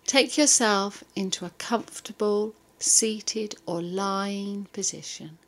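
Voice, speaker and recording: A woman guiding a yoga and relaxation session, giving soft, soothing instructions with long pauses between phrases. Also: mid-range voice. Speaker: yoga teacher.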